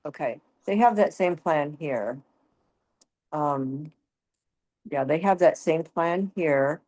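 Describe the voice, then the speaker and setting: Lady insurance agent, lowish voice, lots of "right", asks quick questions. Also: darkish tone. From Peoria, Illinois. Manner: asks quick clarifying questions, affirms often. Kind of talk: casual phone chat about plans.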